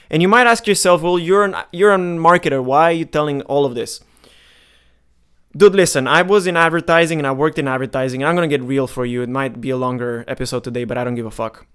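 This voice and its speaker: A man in his twenties, originally from Romania, talks straight to the camera in a frank, emphatic way. His voice sits a little high and sounds smooth and clear. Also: fairly bright tone. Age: 20s. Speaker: marketing vlogger. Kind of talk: casual direct-to-camera monologue.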